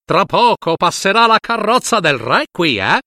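A man's voice: a little high, slow, dry recording, clean studio sound, exaggerated voice. A man voicing a cunning male cat in boots from a fairy tale, speaking in a courtly, persuasive way. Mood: menacing. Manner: courtly and persuasive, bowing and flattering.

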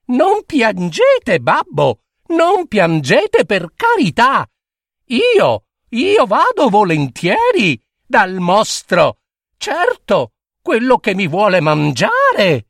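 A man's voice: high-pitched, wildly swooping pitch, drawn-out words, fairly bright tone, no echo, studio quality, voice pushed up, full character voice. A man doing a cheeky little princess. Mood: sweet. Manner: sing-song teasing rhymes. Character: cheeky little princess girl, bold and teasing.

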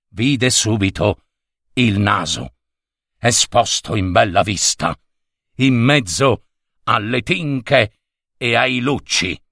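A man reads a children's story at an unhurried pace, with a lively, animated melody. His delivery is expressive and the sound is dry and close. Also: on the low side, dry recording.

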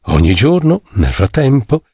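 A man narrating a classic story aloud with an expressive, theatrical reading. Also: mid-range voice, unhurried, husky, no echo, clean studio sound. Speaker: audiobook narrator.

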